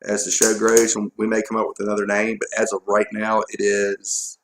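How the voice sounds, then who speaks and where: A man's voice: on the low side, completely flat delivery, moderate pace, slight background noise. A man with a Southern American accent co-hosting a casual sports chat show, plain and matter-of-fact. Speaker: co-host. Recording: echoey room.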